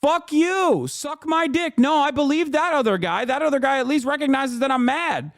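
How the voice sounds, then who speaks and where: A man mimicking an angry, fed-up male voter, profanely yelling back in a high, strained, mocking voice. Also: lively intonation, moderate pace, dry recording, clean studio sound, exaggerated voice.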